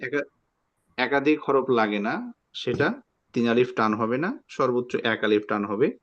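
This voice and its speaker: Man, patient teacher, repeats sounds aloud, mid-pitched voice, muffled online call audio. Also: normal speed. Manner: patient, repeats letter sounds for students to copy. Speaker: Quran recitation teacher. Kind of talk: online class instruction.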